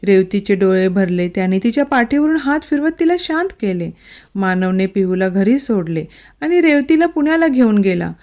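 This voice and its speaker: A woman narrating a romantic storybook in a steady, emotional reading voice. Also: mid-range voice. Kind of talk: scripted narration.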